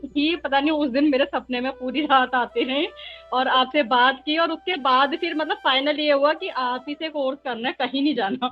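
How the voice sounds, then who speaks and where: A woman's voice: high-pitched, fairly even intonation, normal speed, muffled recording, faint music behind. A woman tarot student talking casually about her experience, hesitating often with fillers. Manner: talkative, hesitant with many fillers. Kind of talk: casual testimonial chat.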